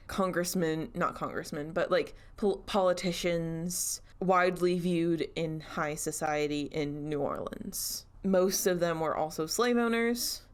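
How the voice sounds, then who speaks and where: A young woman with a slightly low voice tells a story on a podcast. She talks in a chatty, casual way and breaks into small giggles and asides as she goes. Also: clean tone. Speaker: podcast co-host telling the story.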